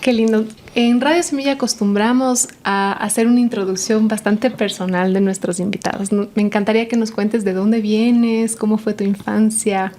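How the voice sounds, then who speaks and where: Friendly woman podcast host, mellow tone. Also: medium pitch, fairly even intonation, moderate pace, hardly any pauses. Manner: friendly, inviting questions. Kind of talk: podcast interview.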